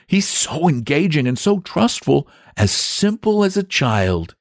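A man's voice: big pitch swings, measured pace, no echo, studio quality. A man doing an anxious, pleading young boy. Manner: pleading and high-pitched.

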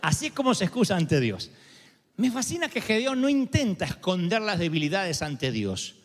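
A man preaching a sermon in an animated storytelling manner, acting out the people he quotes. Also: sits high, normal speed, in a large hall.

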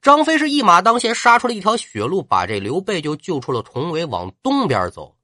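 A man telling a traditional pingshu story, lively and chatty, with asides to the listener. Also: high voice, a little fast, no room sound, studio quality.

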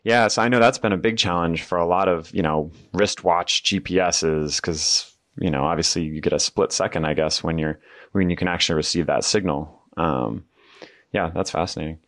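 A man's voice: sits low, moderate pace, a bit bright, no echo, studio quality. A man hosting a gear podcast, interviewing a guest with curious questions and frequent affirmations. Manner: curious, affirming, many backchannels. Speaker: podcast host. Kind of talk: interview, casual chat.

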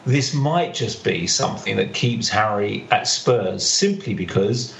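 A man's voice: fairly low pitch, expressive, a little slow, vocal fry. A man giving opinions in a casual football discussion, arguing his case by restating points. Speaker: podcast panellist. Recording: roomy, muffled, faint background noise.

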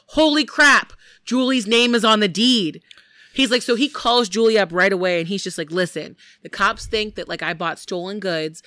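A podcast co-host with a fairly low voice casually walks through a true-crime case, animatedly acting out the people involved and saying "like" often. The studio sound is clean with no echo.

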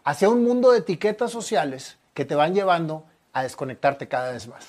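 Male interview host, fairly high voice, measured, reflective, conversational. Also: lively intonation, a little mellow.

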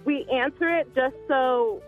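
A woman's voice: high voice, fairly even intonation, measured pace, soft background music. A woman in her twenties calling in to a radio show, matter-of-fact. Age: 20s. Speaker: caller. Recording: phone-line call.

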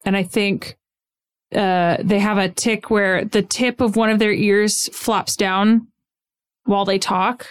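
A woman describes her character during a tabletop game. She speaks in a relaxed, musing way at an average pitch. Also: takes it slowly, smooth. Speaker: player.

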